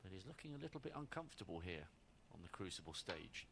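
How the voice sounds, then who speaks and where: A man giving measured live snooker commentary in short phrases, with pauses between them. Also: sits low, very animated, gravelly, heavy background noise.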